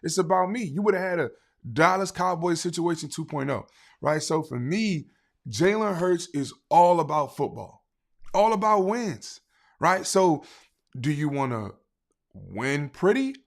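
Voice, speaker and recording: A man hosting a live sports talk stream, reading viewer comments in an animated way and often asking "right?". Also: fairly high pitch, measured pace, gravelly.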